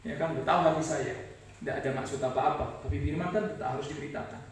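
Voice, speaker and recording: A man from North Sumatra preaching a sermon with personal testimony, swinging from loud outbursts to hushed tones. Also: fairly high pitch, fast talker, slight background noise. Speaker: guest preacher. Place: large church hall. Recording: echoey church hall, mic far off.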